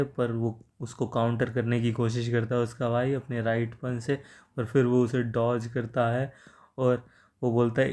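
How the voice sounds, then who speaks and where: Flat-voiced man recapping a comic. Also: medium pitch. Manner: crude slang, chuckling asides. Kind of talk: casual story recap.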